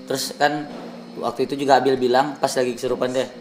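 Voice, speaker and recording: With a mid-range voice and a quick pace, a young vlogger from Indonesia animatedly tells a ghost story to the camera, voicing the characters he quotes. Slight background noise is present.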